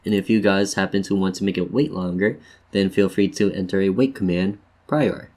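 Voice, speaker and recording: A low-pitched man with a darkish, steady tone and normal pace hosts a casual screen-share tutorial. He jokes around, calls viewers "you guys," and walks them through each step as if chatting.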